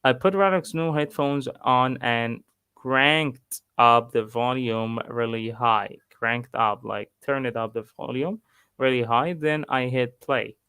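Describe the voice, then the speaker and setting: Slow Egyptian-accented man reading aloud. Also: medium pitch, sharp tone, clean tone, dry recording. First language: Arabic. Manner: slow, pausing to explain vocabulary. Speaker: English teacher. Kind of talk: reading a book aloud and explaining words.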